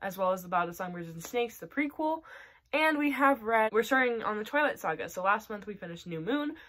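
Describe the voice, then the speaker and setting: A woman's voice: mid-range voice, lively intonation, brisk, fairly bright tone. A young woman talks through her monthly reading in a loose, chatty way. She fills her speech with "like" and "um" and laughs every so often. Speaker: book vlogger. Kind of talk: casual monthly reading wrap-up.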